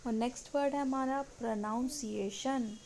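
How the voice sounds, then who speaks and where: A woman teaching English pronunciation in a Hindi-language lesson, saying each word slowly and repeating it for practice. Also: fairly high pitch, fairly even intonation, mellow, slight background noise, poor audio.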